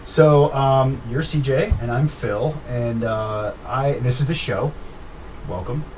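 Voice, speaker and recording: A man's voice: medium pitch, slow pace. A man hosting his own interview show in a studio, chatty and joking, with many fillers and restarts. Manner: chatty, filler-heavy, jokey. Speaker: podcast host. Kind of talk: casual interview chat. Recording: distant mic with faint room noise.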